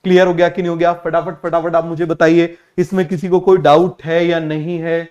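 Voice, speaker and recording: A male teacher giving an online biology lesson in Hindi-English mix, repeating key terms and urging students to answer quickly. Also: a little high, flat delivery, a little mellow, highs cut off. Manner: repetitive, keeps asking students to answer quickly; drills terms by repeating them slowly.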